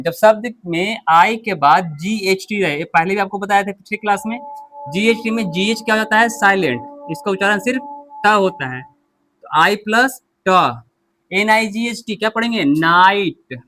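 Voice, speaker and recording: A man's voice: high-pitched, sharp tone. A male English teacher giving a pronunciation lesson, repeating the rules and asking the listener questions as he goes. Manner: slow, repetitive, quizzes the listener with questions.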